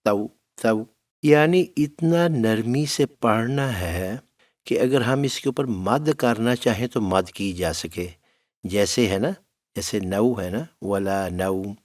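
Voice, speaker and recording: Man, middle-aged, Quran recitation teacher, patient, slow drawn-out demonstrations, fairly low voice. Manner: patient, demonstrates sounds slowly and repeats syllables; addresses students as "my child". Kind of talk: tajweed lesson.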